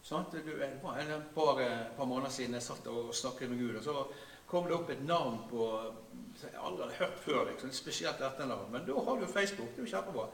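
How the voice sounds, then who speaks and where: A man, preaching a sermon in a conversational way, with frequent hesitations and often sinking into a quiet, low voice. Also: animated, few pauses, roomy sound, recorded from a distance, slight background noise. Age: 60s. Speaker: pastor.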